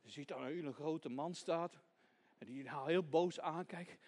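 A man gently narrating a children's Bible story, dropping to a hush at tense moments. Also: a little high, normal speed.

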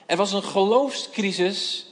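A man preaching a sermon in an earnest, measured way and reading Bible passages aloud. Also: high voice, long reverb tail.

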